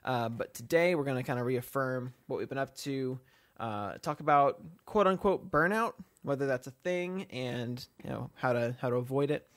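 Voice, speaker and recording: A man's voice: medium pitch, normal speed, dry recording, studio quality. Self-mocking young man hosting a podcast. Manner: self-deprecating, rambling with restarts. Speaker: podcast co-host. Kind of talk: casual podcast chat.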